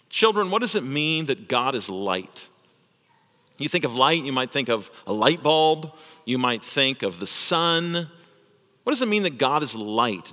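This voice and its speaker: Man, pastor, sermon, bright and forceful, slightly high, long church reverb. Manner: emphatic, repeats phrases for stress.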